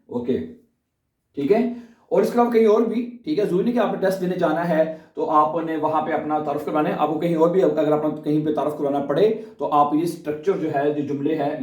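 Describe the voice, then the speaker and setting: A man teaching beginners German in a spoken lesson, spelling out German phrases slowly and checking in with "theek hai" after every line. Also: fairly high pitch, dark tone. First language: Urdu. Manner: repeats German phrases slowly, says "ठीक है" often. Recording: echoey room, voice from far off.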